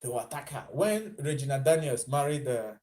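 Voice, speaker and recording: In a casual vlog, a Nigerian man talks a little fast in an animated, medium-pitched voice with a darkish tone. He's chatty, switches into Pidgin, and laughs at his own quips.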